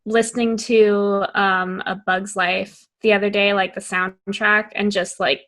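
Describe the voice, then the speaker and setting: A young adult woman co-hosts a podcast, chatting casually with friends, laughing often and using plenty of fillers. Her medium-pitched, fairly bright voice stays level and runs a little slow.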